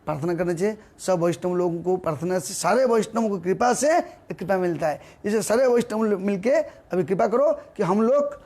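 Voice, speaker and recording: A man giving a devotional sermon, breaking into slow chanted verses between his explanations. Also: high voice, a little mellow. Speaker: preacher.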